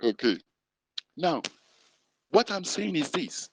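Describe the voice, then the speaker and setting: A man's voice: on the high side, very animated, slow pace, gravelly, slight background noise, poor audio. A man with a Nigerian Yoruba-influenced accent preaching a sermon as pastor, repeating lines for emphasis and leading the men in call-and-response. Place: prayer room gathering, fed to an online audience.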